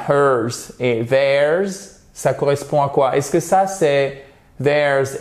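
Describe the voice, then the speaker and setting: A man teaching a language lesson at a slow, unhurried pace. He spells words out and repeats example phrases with care. He keeps checking in with short questions like a patient teacher. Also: medium pitch, a little mellow. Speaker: English teacher.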